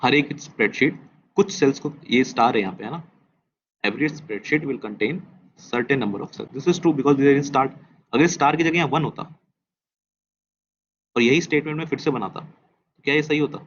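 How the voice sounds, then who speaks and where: A man teacher going over a test, switching between Hindi and English, repeating key statements slowly and quizzing his students. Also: mid-range voice, a bit bright, lo-fi sound. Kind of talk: test discussion lecture.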